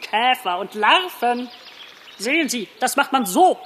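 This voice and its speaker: A woman's voice: on the high side, expressive, moderate pace, fairly bright tone, in a large hall, a little hiss or hum, voice pushed up. A woman voicing a cheerful, teasing woodpecker in an audiobook reading. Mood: merry. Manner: merry, teasing.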